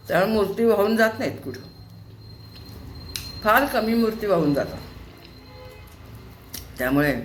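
A woman's voice: sits low, echoey room, slight background noise. An older woman, host of a home vlog, chatting casually while cooking, asking rhetorical questions and scolding in a homely way. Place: home kitchen.

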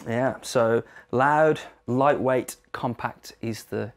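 A man's voice: mid-range voice, slow pace. Man in casual product demo chat. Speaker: product representative for a guitar amp brand. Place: indoor guitar shop.

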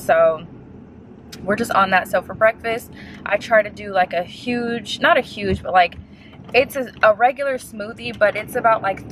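A young woman vlogger talks casually to camera while walking about, rambling with lots of fillers and sounding out of breath. Her voice is medium-pitched, with a little hiss or hum in the recording.

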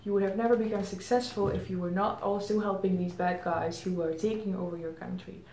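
A Czech woman, head of marketing, gives reflective answers as an interview guest, thinking aloud with frequent "um"s. Her mid-range voice is warm with fairly even intonation. She sits indoors before a plain grey backdrop, and the room adds echo along with faint ambient noise.

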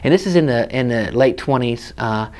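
This Southern-accented man, in his thirties and from South Carolina, speaks at a moderate pace with medium pitch and a somewhat dark tone. He's indoors at a guitar shop among hanging guitars, chatting through a casual demo, spinning stories and walking through the gear hands-on.

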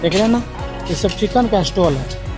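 A man with a high, expressive voice talks fairly quickly, offering casual market commentary as a vlogger and host while mixing English words into his Hindi. He's from Jharkhand, India, and is recorded on a handheld phone held at arm's length in a busy open-air village market, with crowd noise and music in the background.

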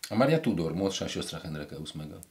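A man's voice: sits low, animated, fast, a little mellow. A man in his fifties, the interviewer, putting formal prepared questions in a studio room. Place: wood-panelled studio room with brick wall.

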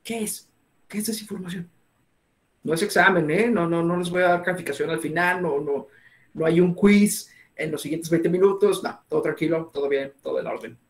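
High-pitched guy giving a webinar talk, lots of questions to the class. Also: moderate pace, roomy sound. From northern Mexico. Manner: animated, asks the audience many questions. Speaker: webinar speaker. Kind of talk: interactive online lecture.

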